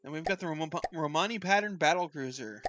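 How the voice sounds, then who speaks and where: A man's voice: a little high, animated, a little fast, a bit bright, dull audio, soft background music. A man streaming casual game commentary, rambling through weapon stats and chuckling at himself. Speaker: streamer and tournament caster.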